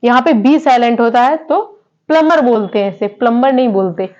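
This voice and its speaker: A woman's voice: a little high, a little fast, darkish tone. A woman teaching English in a classroom style, repeating each word and quizzing her students with questions. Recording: dull lo-fi sound.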